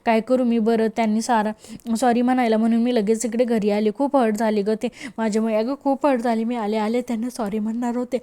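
A tearful, confused young wife read by a woman pleads and explains in a fairly high, mellow voice. Her emotional delivery belongs to a one-reader serial recap. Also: little pitch movement, fast, lightly acted.

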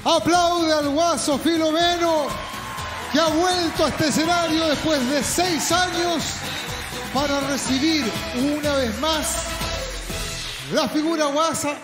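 A man announcing on a festival stage with booming announcer calls. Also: fairly even intonation, takes it slowly. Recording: echoey stage with music and crowd.

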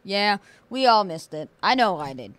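A middle-aged woman co-hosting a casual anime show, talking like an excited fan with exclamatory greetings. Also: mid-range voice, normal speed, no room sound. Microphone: close desk microphone.

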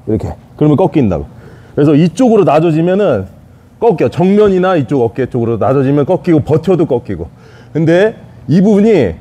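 Here a man with a slightly high, warm, somewhat rough voice shows a jiu-jitsu escape hands-on with a partner. He speaks in brief, repeated cues as he works.

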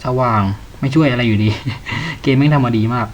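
A man playing a horror game, swearing a lot and yelping when startled, sometimes reading game text aloud slowly. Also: medium pitch, a little hiss or hum, poor audio. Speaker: gamer.

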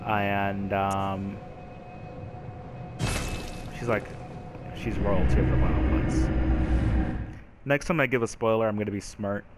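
A low-voiced man chats loosely through his gameplay, swearing freely and yelling insults at the boss. Loud game audio plays under his voice throughout. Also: steady tone, slow, long pauses, very noisy. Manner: rambling, profane, yells at the boss. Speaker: gaming let's-player. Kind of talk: casual gameplay commentary.

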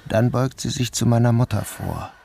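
Here an actor voices a troubled narrator telling of his dreamlike ordeal in a radio play, speaking in the first person. The delivery is medium-pitched, at normal speed, mellow and touched with vocal fry. The mood is grave and intense.

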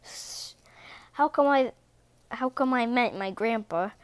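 A woman's voice: fairly high pitch, takes it slowly, clean tone. A woman voicing a sweet, curious little kitten boy who keeps asking questions innocently in a read-aloud storybook.

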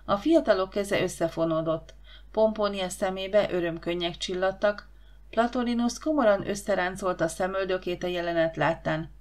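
A woman reading an audiobook in calm, even storytelling narration. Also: mid-range voice. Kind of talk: scripted narration.

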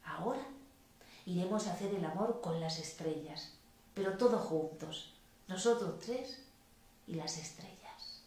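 A woman voicing a charming seventy-year-old woman who speaks gently. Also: on the low side, unhurried, long pauses, distant mic, close to an everyday voice. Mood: dreamy. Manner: gentle, soft-spoken. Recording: very echoey room.

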